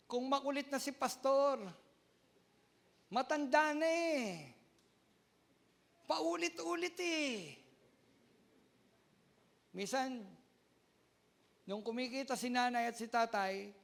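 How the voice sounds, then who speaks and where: A man preaching a sermon as pastor, loud and near shouting, calling out to the congregation for amens. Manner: loud, often sounds like shouting; acts out quoted voices with big pitch jumps.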